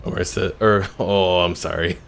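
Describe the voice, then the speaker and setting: A man's voice: sits low, steady tone, moderate pace, gravelly, a bit bright. A man streaming a strategy game, giving wry casual commentary and reading out chat. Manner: wry, reads chat and laughs at himself.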